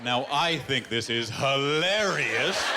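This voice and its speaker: A man from Canada doing a stand-up comedy set into a handheld mic, telling stories with punchlines in an animated way. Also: mid-range voice. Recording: live show with loud background noise.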